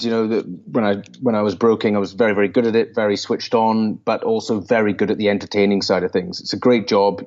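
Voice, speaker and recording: A man's voice: fairly low pitch, a little mellow, muffled recording. A man from the west coast of Scotland with a Scottish accent, telling his story conversationally as an interview guest. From island off the west coast of Scotland. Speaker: podcast guest, entrepreneur and broker.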